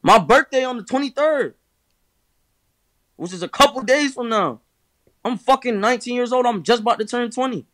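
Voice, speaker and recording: A man's voice: very high voice, moderate pace, long pauses, a bit bright, dry recording. A nineteen-year-old man in candid conversation, talking emphatically and profanely, repeating himself and ending lines with "bro". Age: teens. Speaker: rapper guest.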